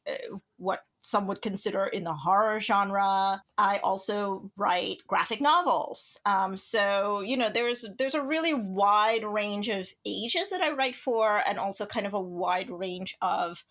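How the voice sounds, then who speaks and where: Guesting as an author on a podcast, a Trinidad and Tobago woman chats through a casual interview, full of filler words and restarted sentences. She has a mid-range voice that's a bit bright.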